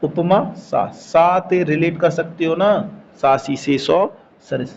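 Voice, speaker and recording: A man with a somewhat high voice teaches a grammar lesson. He explains step by step, repeats the key terms over and over and keeps asking whether it makes sense. The recording is a little muffled, with a faint hiss behind it. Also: slow pace, gravelly. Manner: explains step by step, repeats key words, asks checking questions. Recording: slightly dull recording with faint background noise.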